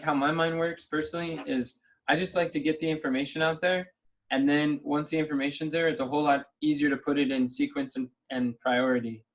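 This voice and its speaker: A man leading a casual planning call over a video link, thinking aloud in an upbeat way. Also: on the high side. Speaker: meeting leader. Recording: dull lo-fi call audio.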